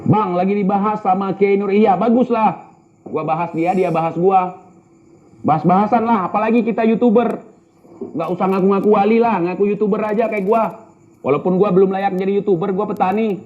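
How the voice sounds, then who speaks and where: A man's voice: high voice, fairly even intonation, fairly quick, lo-fi sound. An Indonesian man and YouTuber with an Indonesian accent, bantering and mocking as he reads out viewer comments. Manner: mocking, brash, slangy. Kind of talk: casual banter reading comments.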